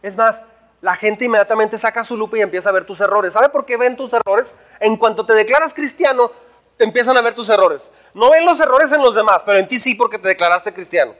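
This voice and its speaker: A male pastor preaching a lively sermon, full of rhetorical questions and acted-out dialogue. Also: high voice, fairly quick.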